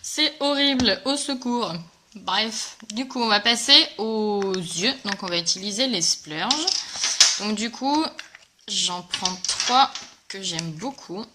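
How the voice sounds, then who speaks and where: Over heavy background noise, a woman hosts a casual live makeup tutorial, greeting viewers and chatting enthusiastically as she demonstrates, with many fillers. Her medium-pitched voice is expressive and her pace slow.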